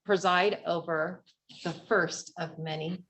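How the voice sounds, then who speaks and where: A woman's voice: fairly low pitch, fairly even intonation, takes it slowly, fairly bright tone, low-quality recording. A woman presiding over a ceremony, making formal announcements and invitations. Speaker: presiding judge leading a ceremony. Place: courtroom. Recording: faint background noise.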